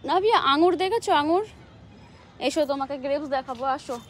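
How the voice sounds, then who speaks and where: Young mom, high voice, sing-song coaxing of a little child; outdoor rooftop garden, faint noise. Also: female voice, animated, fast. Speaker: mother and vlogger. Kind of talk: talking to a toddler while filming.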